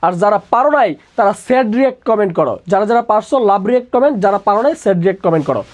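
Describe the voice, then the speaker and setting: An admission test tutor leads an online exam-prep lesson in a high, animated, rapid-fire voice. He drills students in call-and-response fashion, repeating each question and answering it himself, and mixes English words into his speech.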